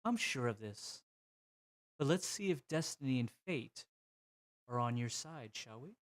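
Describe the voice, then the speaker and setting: A man voicing an honor-bound male warlord who speaks with calm, courteous menace in a tabletop game. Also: mid-range voice, a little slow, natural voice.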